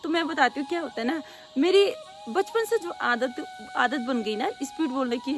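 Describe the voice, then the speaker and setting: Young woman, quick loud chatter, fairly high voice, casual vlog Q&A. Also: expressive, a little hiss or hum. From Pahadi hill region of North India. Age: young adult. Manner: talks very fast and rather loudly. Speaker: vlogger. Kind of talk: casual Q&A chat.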